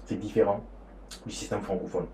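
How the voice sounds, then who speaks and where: A man's voice: on the low side, fairly even intonation, brisk, mellow, slight background noise. A young man from Niger talking casually in a vlog, rambling and repeating himself with many fillers. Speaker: student vlogger. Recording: roomy echo, faint ambience.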